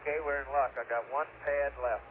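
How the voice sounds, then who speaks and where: A man's voice: medium pitch, steady tone, fast. Give me a man on a radio link, an astronaut reading back figures in a clipped, procedural way. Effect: heard over a radio link. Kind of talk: radio air-to-ground exchange. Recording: tinny radio transmission with faint noise.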